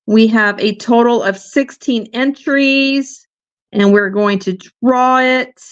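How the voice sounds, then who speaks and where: In a dry recording missing its highs, a fairly high-pitched woman hosts a casual livestream, talking slowly and chattily with lots of fillers and restarts as she begins losing her voice.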